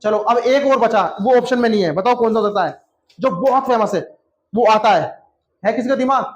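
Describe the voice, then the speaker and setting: A man's voice: extremely high pitch, normal speed, dull audio. A man teaching a classroom lesson, repeating answers over and over and quizzing students by name. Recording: echoey classroom.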